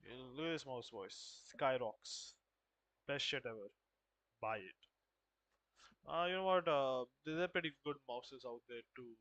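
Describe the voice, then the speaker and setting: A man's voice: medium pitch, expressive, a little slow, long pauses, fairly bright tone, no echo. A man casually thinking aloud while following a coding tutorial, hesitant and muttering to himself with joking asides.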